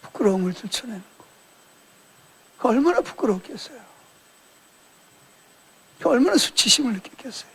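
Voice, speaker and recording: A man's voice: very high-pitched, sing-song, moderate pace, gravelly, pauses often, husky. A male pastor preaching a sermon in a colloquial storytelling way, acting out quoted dialogue as he retells events.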